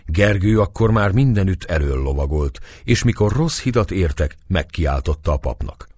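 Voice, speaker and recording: Deep husky storybook narrator. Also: male voice, no room sound, clean studio sound. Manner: expressive storytelling reading. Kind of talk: audiobook narration.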